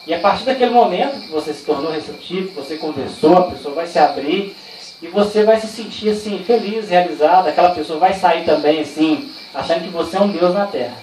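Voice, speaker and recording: A man's voice: sits high, brisk, a little mellow. A man with a Brazilian Portuguese accent giving an informal training talk, explaining with rhetorical questions and personal stories. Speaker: workshop trainer. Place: indoor training room. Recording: echoey room, far from the mic, faint insect noise.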